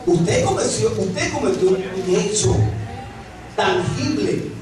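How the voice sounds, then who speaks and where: A male pastor preaching a sermon. He reads scripture aloud and asks the congregation rhetorical questions that he answers himself. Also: extremely high pitch. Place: church sanctuary. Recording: very echoey hall, distant mic.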